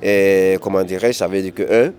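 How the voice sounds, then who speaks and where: A man's voice: deep voice, fairly even intonation, moderate pace, a little mellow, a little hiss or hum. A man, recounting his experience as a migrant activist in a hesitant interview, often restarting and repeating words. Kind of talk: candid interview testimony.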